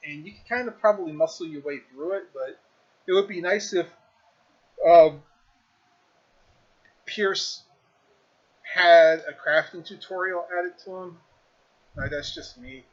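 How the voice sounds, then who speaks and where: A man chats through a relaxed review of a game he has been streaming, stumbling over restarts and fillers as he goes. His voice sits a little high for a man. The stream audio is a bit dull and lo-fi. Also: measured pace, long pauses. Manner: rambling, many fillers and restarts. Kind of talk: casual game review chat.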